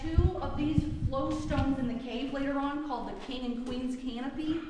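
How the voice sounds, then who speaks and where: A woman's voice: sits high, moderate pace, noisy background. A woman working as a cave guide, informally explaining things to a tour group, her voice echoing around the cave. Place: inside a large cave. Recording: echoey cave, distant mic, group chatter.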